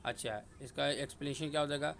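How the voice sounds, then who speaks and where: A man's voice: fairly high pitch, fast talker, creaky, a bit bright, slight background noise. A young man teaching an exam-prep vocabulary lesson, repeating each word and quizzing himself aloud. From India. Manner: repetitive, drilling words and asking himself questions. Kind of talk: casual Hindi vocabulary lesson with memory tricks.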